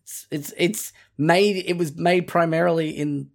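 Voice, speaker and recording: A man's voice: a little high, fairly even intonation, measured pace, creaky. Rambling man in casual game chat. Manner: rambling, many restarts and fillers. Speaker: podcast co-host.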